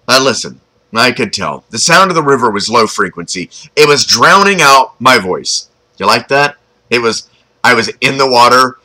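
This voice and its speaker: A man's voice: mid-range voice, sharp tone, low-quality recording. A man reading his own story aloud, chatty and informal, breaking off for asides and jokes to the listener. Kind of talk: storytelling narration.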